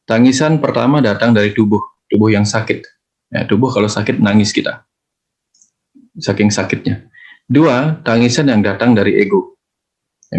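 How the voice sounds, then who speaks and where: Low-voiced man teaching slowly. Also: a little mellow. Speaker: spiritual teacher answering questions. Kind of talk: calm reflective teaching talk.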